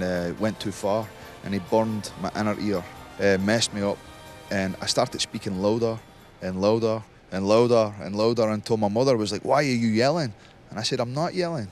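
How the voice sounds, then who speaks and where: A man with a low voice talks in a loose, rambling way, leaning on fillers as he tells his story. He is recorded outdoors at a festival, with faint music playing behind him. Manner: relaxed, rambling with many fillers. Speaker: interviewed singer. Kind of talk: casual interview.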